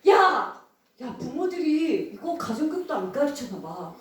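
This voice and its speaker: Woman playing mocking village gossips, high voice, echoey hall from afar. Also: sing-song, a little slow, recorded from a distance. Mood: gossiping. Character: gossiping scornful villagers, adult.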